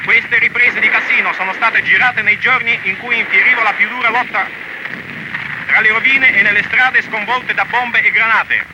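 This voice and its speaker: A man's voice: high voice, steady tone, moderate pace, muffled recording, heavy background noise. A man with a strong German accent reading a 1940s newsreel voice-over in a declamatory, propagandistic way, heard from an old newsreel soundtrack. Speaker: newsreel narrator.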